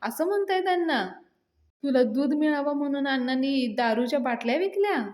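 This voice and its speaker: Woman reading a mocking young man, fairly high voice, echoey room. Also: expressive, moderate pace, darkish tone. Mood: teasing. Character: teasing young man who mocks the old man.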